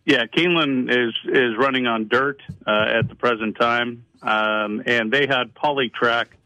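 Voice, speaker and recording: A man's voice: medium pitch, unhurried, bright, forceful tone, no room sound, low-quality recording. A man who is a regular on a horse racing talk show, upbeat and easygoing. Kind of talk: casual radio talk show chat.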